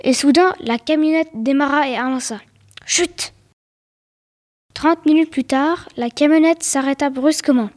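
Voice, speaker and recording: A woman with a high voice reads a storybook tale aloud. She tells it plainly, at a steady pace, and trips over a word or repeats one now and then. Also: normal speed, few pauses. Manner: plain storytelling read with small stumbles and repeated words.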